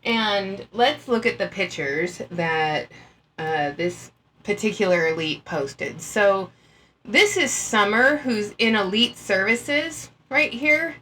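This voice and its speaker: A woman's voice: mid-range voice, lively intonation, takes it slowly, sharp tone, a little hiss or hum. A woman giving casual, blunt and dismissive commentary, talking through an earbud mic. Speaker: anti-MLM commentator.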